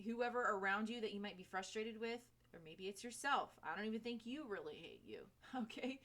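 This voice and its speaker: Tarot lady talking straight to the viewer, frank, curses a lot, mid-pitched voice. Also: animated, fairly quick, fairly bright tone. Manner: frank, swears freely; chatty, talks to viewer directly. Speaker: tarot reader. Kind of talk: casual tarot reading.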